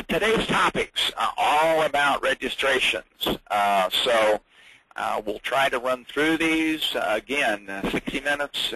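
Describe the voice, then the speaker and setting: A man training users in a software webinar, chatty and halting, with many fillers and restarts. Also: mid-range voice, noisy background. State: hiccups.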